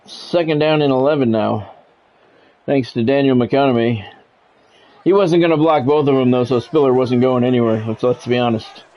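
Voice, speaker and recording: A man with a mid-range, dark-toned voice streams a football video game at normal speed, calling the action live. He mixes clipped, practiced announcer phrases with casual offhand remarks. The lo-fi recording sounds dull, with faint background noise.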